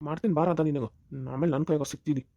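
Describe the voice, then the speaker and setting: Lady doing a whiny grown son in a north karnataka accent, kinda high, dull muffled sound. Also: a little fast, dry recording, natural voice. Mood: defensive. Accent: North Karnataka Kannada. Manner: pleading, defensive. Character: grown son, defensive, grumbling man.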